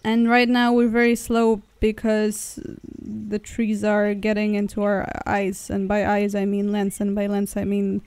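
A woman's voice: medium pitch, monotone, measured pace, hardly any pauses, a little mellow, smooth, no room sound. A young woman from Poland chatting casually as a travel vlogger while riding in a car through the woods, rambling and correcting herself as she goes. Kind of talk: casual vlog narration.

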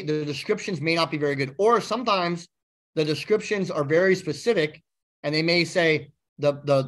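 A man giving a lecture as a university instructor to law students. He explains step by step, often filling pauses with "um" and checking in with "okay?". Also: fairly high pitch, a bit bright. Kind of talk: lecture presentation.

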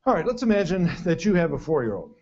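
A man's voice: a little high, very animated, fast talker, darkish tone. An older man giving a humorous parenting lecture to an audience, with a dry storytelling delivery and punchy lists. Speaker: parenting workshop speaker. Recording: dull lo-fi recording of a talk.

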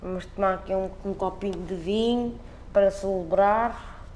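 This gameplay commentator's voice sits high, a little mellow, at normal speed, with a bit of hiss or hum. Speaking with a European Portuguese accent, he keeps up casual, joking, slangy and repetitive banter over a video game.

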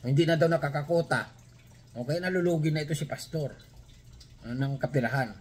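Man, from the Philippines, channel host, casual reaction commentary, somewhat high voice, husky, rambling, chatty asides. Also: brisk, a little mellow. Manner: rambling, chatty, full of hesitations and rhetorical asides.

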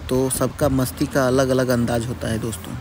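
A man's voice: medium pitch, little pitch movement, normal speed, noisy background. A man narrating a casual travel vlog at a riverside picnic spot, talking to viewers like friends. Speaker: travel vlogger.

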